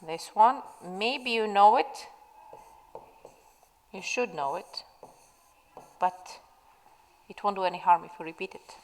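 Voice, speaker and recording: A woman teacher giving a vocabulary lesson, saying each word slowly and clearly. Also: medium pitch, big-room sound, slight background noise, rough recording. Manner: slow, clear word-by-word dictation.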